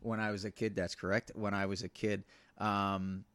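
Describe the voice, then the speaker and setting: Clean studio audio, free of room sound, captures an Iranian-born, US-raised comedian guesting on a casual podcast. His voice sits fairly low and level. He speaks softly and haltingly, often filling gaps and starting over.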